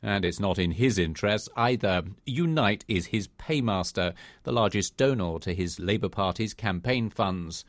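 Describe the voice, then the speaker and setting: Male news correspondent, low-pitched, delivering a scripted report. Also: expressive, normal speed, hardly any pauses, no echo.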